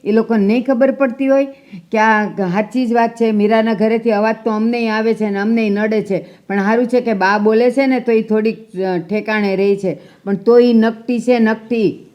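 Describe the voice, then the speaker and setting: A woman's voice: fairly high pitch, steady tone, normal speed, darkish tone, lightly acted. A woman acting a stubborn older grandmother who scolds and defends her quarrel with the neighbour, in a family drama. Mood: indignant. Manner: indignant, scolding. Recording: dull, muffled sound.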